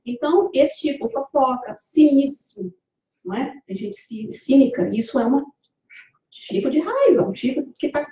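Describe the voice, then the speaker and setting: High-voiced Brazilian woman preaching in an echoey hall. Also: lively intonation, a little slow, dark tone. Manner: conversational, asks the audience questions, acts out quoted speech. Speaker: speaker giving a Spiritist talk. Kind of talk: lecture to a congregation. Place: community hall. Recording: far from the mic, echoey hall, dull lo-fi sound.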